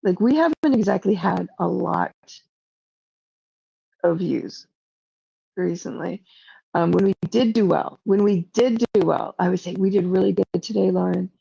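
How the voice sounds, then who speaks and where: A woman's voice: fairly low pitch, measured pace, vocal fry, long pauses, dark tone, slightly rough, dull audio. A woman streamer in casual livestream talk to her chat, rambling and emotional, full of self-doubt and "like" fillers. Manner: frequent "like" fillers.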